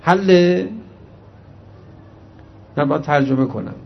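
A man preaching a religious sermon, reciting Arabic hadith slowly and then explaining them conversationally to his audience. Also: fairly high pitch, gravelly, a little hiss or hum. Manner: animated storyteller addressing the audience directly. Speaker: cleric preacher. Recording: muffled lo-fi recording.

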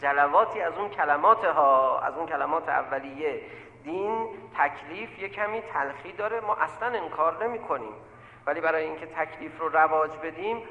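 A male preacher with a high, bright, ringing voice delivers an animated sermon full of stories. He keeps addressing his listeners directly and repeats lines for emphasis. He sounds like he is in a big echoing hall with a long reverb tail. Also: muffled recording. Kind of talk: sermon with storytelling.

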